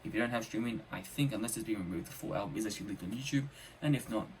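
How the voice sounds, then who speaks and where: Casual male music reviewer, keen and emphatic, on the lower side, with light noise behind the voice. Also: very fast, rough recording. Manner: enthusiastic, emphatic with repeated phrases. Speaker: album reviewer.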